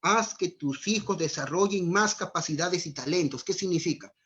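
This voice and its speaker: A man's voice: sits high, normal speed, a bit bright. A man giving an earnest online parenting talk with a Peruvian Spanish accent, speaking straight to mothers and fathers and asking them rhetorical questions. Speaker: parenting lecturer. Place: home during lockdown. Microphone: video call. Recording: dull lo-fi stream audio.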